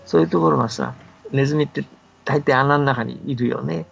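An older man's creaky, medium-pitched voice moves briskly over faint music as he gives casual, patient radio explanations of folktales, regularly checking the listener agrees. The recording is dull and band-limited, with faint background noise.

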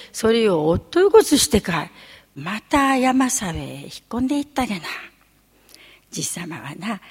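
An older woman with a Miyazaki dialect telling a folktale in a rhythmic, measured way, with "na" at the ends of phrases. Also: medium pitch, husky. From Miyazaki, Japan. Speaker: folktale storyteller. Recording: long echoing hall reverb.

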